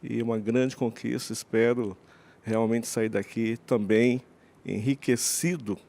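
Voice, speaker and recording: A Brazilian man speaking as a guest with the formal, polished, deliberate delivery of a presenter. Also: mid-range voice, steady tone, gravelly, darkish tone. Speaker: guest, city councillor and TV presenter.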